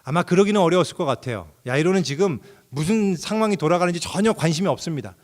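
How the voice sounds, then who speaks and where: A man's voice: a little high, lively intonation, fast talker. A middle-aged man preaching a sermon as pastor, telling the story expressively and acting out characters' thoughts with sudden outbursts.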